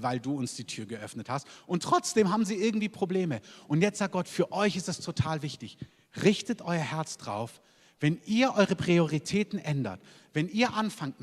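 A man preaching a sermon as a pastor, emphatic, punctuating points with repeated calls of "Amen". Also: on the high side. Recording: long hall reverb.

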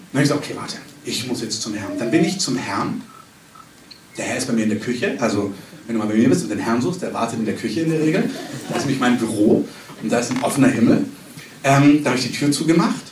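A man giving a charismatic sermon in an emphatic, conversational way, recorded by a distant mic in a hall. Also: fairly high pitch. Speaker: preacher. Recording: echoey hall, distant mic, faint room noise.

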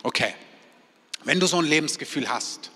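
A man delivers a sermon to his congregation, his bright, slightly high voice carrying with a long reverb through the hall. He presses the listeners with question after question and slips into their inner voices to make each point. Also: expressive, moderate pace, gravelly, slightly rough. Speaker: preacher.

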